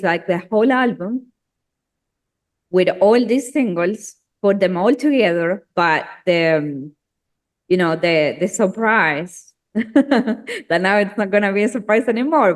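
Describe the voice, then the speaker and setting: Slow-talking, laughing Argentine-born woman. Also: medium pitch. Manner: chatty, laughs often, slow and unhurried. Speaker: singer-songwriter guest. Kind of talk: casual interview chat.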